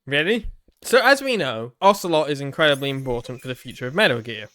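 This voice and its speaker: A man's voice: medium pitch, expressive, fast, bright, forceful tone, no echo. A man giving playful, informal commentary while playing a video game. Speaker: gamer hosting a playthrough.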